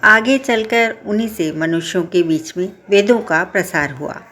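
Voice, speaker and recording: A woman voicing a revered old male sage who answers his disciple in a solemn, measured way. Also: mid-range voice, fairly bright tone, natural voice.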